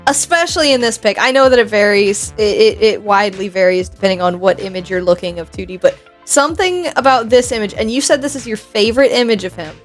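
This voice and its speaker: A woman's voice: mid-range voice, animated, quick pace, hardly any pauses, faint music behind. A young woman co-hosting a casual podcast chat, teasing and blunt, swearing freely. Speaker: co-host.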